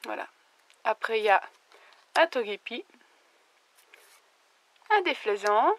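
A young woman, slightly hoarse from a recent illness, chatting casually as she opens trading cards and exclaims over the ones she likes. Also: a little high, very animated, slow pace, a bit bright, no echo. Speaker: YouTuber opening trading cards. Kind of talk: casual card-opening commentary.

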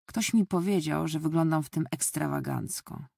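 Sardonic grumpy husband in an audiobook, read by a woman, low-key, gravelly, dark tone. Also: normal speed, no room sound, full character voice. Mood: dry. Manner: dry, sardonic. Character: grumbling middle-aged husband, dry and sardonic.

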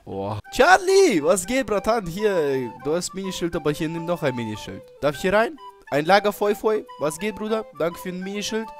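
Young man, gaming commentary, very animated pitch, excitable, shouts and mutters, game music behind. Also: a little fast. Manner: excitable, swings from mumbling to shouting. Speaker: gaming streamer.

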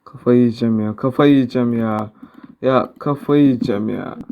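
A young man playing a shooter game, talking to himself, excitable, swearing and muttering at the action. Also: mid-range voice, moderate pace, gravelly, clean tone, narrow, tinny audio. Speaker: gamer. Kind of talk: live gameplay commentary.

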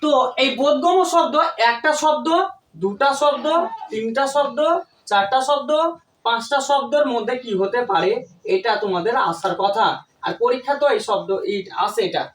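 A woman's voice: a little high, moderate pace. A woman tutor teaching a classroom lesson, explaining step by step and often asking her students questions. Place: tuition classroom. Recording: echoey room, distant mic, faint noise.

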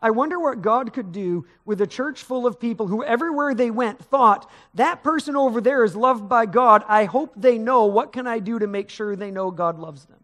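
A middle-aged pastor with an extremely high, slightly bright voice preaches at a moderate pace with few pauses on the stage of a large church sanctuary. His sermon is conversational, rising with emphasis as he gestures and paces.

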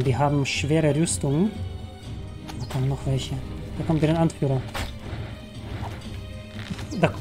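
Chatty German-speaking gamer, excitable. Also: male voice, a little high. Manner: chatty, excitable, exclaims often. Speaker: let's play gamer. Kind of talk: live game commentary. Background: game music.

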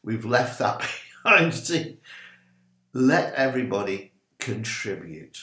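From a small home study with a roomy sound, an older male minister offers an improvised, informal teaching talk to his webcam. He speaks slowly in a mid-range voice, animated and gesturing with both hands throughout.

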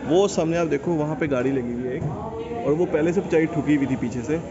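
A man in his thirties vlogs from a phone held at arm's length, chatting casually in a slightly high, brisk voice, laughing often and slipping English phrases into his speech. He moves between a busy cafe and a parked car at night. The phone audio is dull and the crowd noise loud.

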